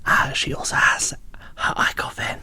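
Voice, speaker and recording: In a hushed, breathy whisper, a woman takes her time narrating a doll unboxing for ASMR, lingering on tiny details as the host of the video.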